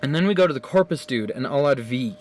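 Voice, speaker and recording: Recording on his phone camera at home, a gaming video creator laughs his way through a loose, profane, rambling summary of a game's plot. He talks quickly in a mid-range voice with lively intonation, over a little hiss or hum.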